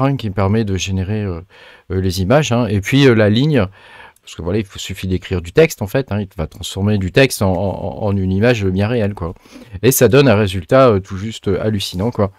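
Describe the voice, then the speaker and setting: Male host, low voice, dry close sound, casual rambling commentary with lots of fillers. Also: darkish tone, dry recording. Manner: chatty, many fillers and restarts. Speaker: crypto and tech video host. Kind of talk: casual screen-share commentary.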